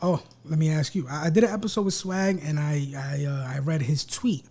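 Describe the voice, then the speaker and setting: A man hosting a casual podcast chat, joking and swearing, speaking softly into a close mic. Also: a little high, fairly even intonation, a little fast. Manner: joking, profane, talks quietly and projects for the mic. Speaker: podcast host.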